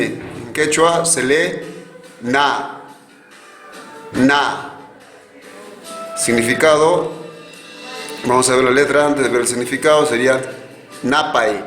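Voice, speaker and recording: A man teaching a virtual language class, slowly repeating each word so learners can echo it. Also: mid-range voice, fairly bright tone. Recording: echoey room with faint music.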